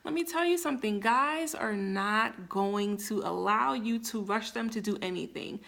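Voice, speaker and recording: A woman's voice: medium pitch, normal speed, creaky, fairly bright tone. A woman in her thirties talking casually to camera, giving chatty, big-sister relationship advice. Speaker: vlogger.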